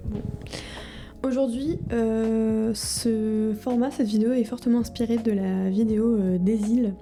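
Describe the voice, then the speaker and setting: A woman vlogger in her twenties speaks with a slightly high, dark, steady voice, unhurried, into a microphone in front of a camera, with music in the background. Her casual video diary is informal and hesitant, as if addressed to her future self.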